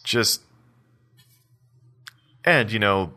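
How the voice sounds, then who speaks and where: A man co-hosting a podcast in casual chat, with a wry, joking delivery and quick asides. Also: lowish voice, expressive, pushed and bright. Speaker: podcast co-host.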